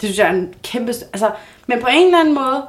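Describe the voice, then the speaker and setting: A woman's voice: a little high, animated. A woman co-hosting a podcast, arguing her opinions firmly in casual chat. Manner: opinionated, firm, swears casually. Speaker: podcast co-host.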